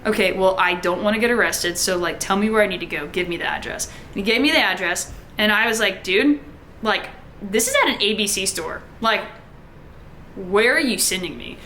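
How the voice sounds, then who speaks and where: A young woman talks straight to her audience in a loose, rambling storytelling style, restarting sentences and acting out both sides of a conversation. Her voice is bright and forward, sitting at an ordinary middle pitch, with a faint hum of room ambience behind her. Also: brisk. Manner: chatty, heavy use of "like", many restarts, acts out quoted dialogue. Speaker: vlogger telling a personal story. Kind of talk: casual storytelling to camera.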